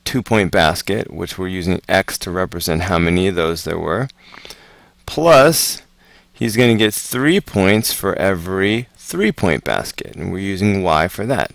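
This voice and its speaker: A man teaching math homework, talking through word problems in a relaxed, chatty way with asides. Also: fairly low pitch, gravelly, no echo. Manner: relaxed, chatty, slow and deliberate. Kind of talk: casual homework walkthrough.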